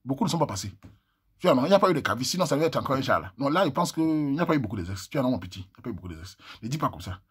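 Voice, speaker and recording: A man's voice: mid-range voice, big pitch swings, very fast, breathy edge. A man with a Cameroonian French accent, reading messages aloud and joking with his viewers as a vlogger. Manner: joking, chatty, talks to viewers as little brother.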